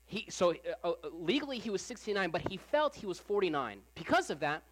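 At a Sunday service, a preacher speaks to the congregation in a relaxed, everyday way, more conversational sermon than formal address. His mid-range voice runs a little fast, and he repeats phrases for emphasis and fills gaps with frequent "like."

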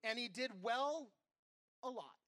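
Candid high-voiced man preaching. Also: lively intonation, slow, pushed and bright. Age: middle-aged. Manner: conversational, candid preaching with personal stories. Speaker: associate pastor. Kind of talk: sermon.

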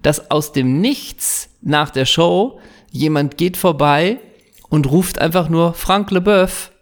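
A man co-hosting a podcast with a gravelly, creaky edge to his voice. He talks in relaxed, casual banter, teasing his co-host and tagging his sentences with quick little questions. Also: a little high. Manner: relaxed, chatty, teasing, with frequent tag questions.

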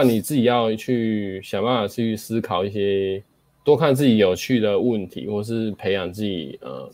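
Male host, lower pitch, dry close recording, casual explanatory delivery with spoken demos and fillers. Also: darkish tone, no echo. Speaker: host explaining speaking skills.

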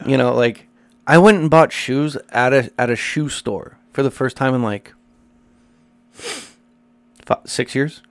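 A man of thirty, a podcast co-host, tells rambling stories in a casual chat. His voice sits at a middle pitch and sounds dry and close to the mic. He swears freely and pokes fun at himself. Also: animated, slow, long pauses, no room sound. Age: 30s. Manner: profane, storytelling, self-mocking.

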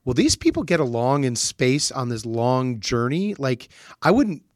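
A man's voice: medium pitch, very animated, measured pace, no room sound. Reflective man, dry close sound. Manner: reflective, thinks aloud with restarts. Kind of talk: casual conversation.

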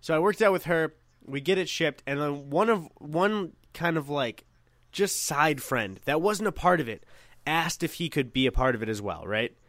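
A young man co-hosting a podcast, telling a high school story in a rambling, self-correcting way and swearing freely. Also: lively intonation, moderate pace, fairly bright tone, dry recording. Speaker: podcast co-host. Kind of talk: casual storytelling chat.

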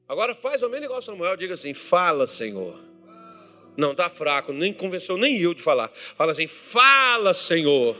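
Fervent high-voiced male pastor preaching. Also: very animated, a little fast, soft background music. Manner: fervent, swinging between hushed talk and shouting. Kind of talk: sermon. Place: church meeting hall.

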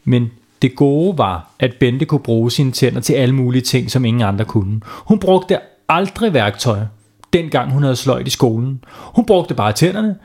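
A man's voice: mid-range voice, animated, a little mellow, husky. A man hosting and narrating a playful bedtime story for children, chatting with young listeners. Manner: playful, talks with kids listening. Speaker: storyteller, host.

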